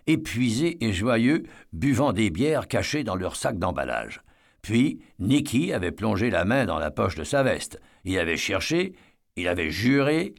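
A man reading a novel aloud as an audiobook narrator, in a measured storytelling way. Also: fairly low pitch. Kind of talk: scripted narration.

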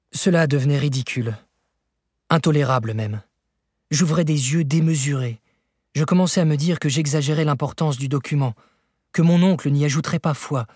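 A man reading a novel aloud in a measured, even storytelling manner, with a husky voice. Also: medium pitch, no echo, clean studio sound. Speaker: audiobook narrator. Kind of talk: scripted literary narration.

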